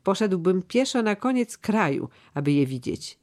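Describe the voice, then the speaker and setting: A man voices an aging, loyal steward from an audiobook, his pushed-up voice high-pitched and very animated with a darkish tone at a moderate pace. The steward speaks in a solemn, earnest, old-fashioned way, and the mood is grave.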